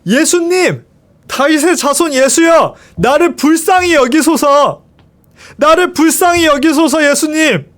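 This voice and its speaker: A man's voice: very high voice, expressive, measured pace, pitched above the performer's own voice, heavily acted. A man crying out as a desperate blind beggar. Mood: pleading cries. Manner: pleading, shouting desperately.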